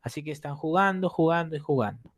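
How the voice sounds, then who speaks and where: A man's voice: fairly high pitch, fast talker, no echo. A man teaching an exam-prep lesson, explaining with acted examples and checking in often with the class.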